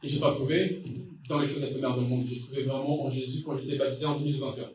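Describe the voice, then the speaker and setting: In an echoey church hall, a young Brazilian man with a Brazilian Portuguese accent preaches an informal, conversational sermon full of fillers and hesitant restarts. His medium-pitched voice is steady and quick, caught on a distant mic while the congregation responds in the background.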